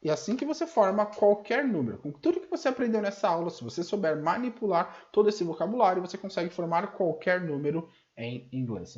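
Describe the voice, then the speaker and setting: Brazilian accent, English teacher, online lesson, animated pitch, dull lo-fi sound. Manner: didactic, asks and answers own rhetorical questions.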